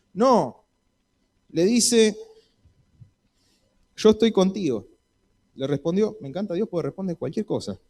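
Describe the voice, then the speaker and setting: A man's voice: sits high, dark tone. A man with an Argentine Spanish accent preaching a sermon in a church, acting out Bible dialogue in voices.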